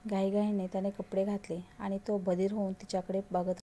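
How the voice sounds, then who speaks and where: Woman reading a story aloud, mellow warm voice, steady and even. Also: mid-range voice, a little fast. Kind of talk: read-aloud story narration.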